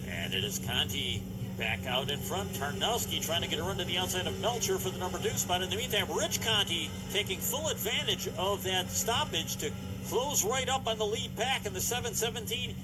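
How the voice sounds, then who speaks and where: A man's voice: sits high, lively intonation, a little fast. A male motorsport commentator giving punchy, present-tense calls of a live race. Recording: loud vehicle noise at a racetrack. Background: loud engines and track ambience.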